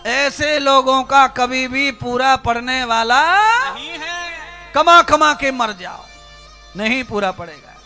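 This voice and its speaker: High-pitched fervent male preacher, bright tone. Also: takes it slowly, soft background music. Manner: fervent, rhetorical, addresses listeners directly. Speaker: spiritual preacher. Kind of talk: Hindi religious discourse.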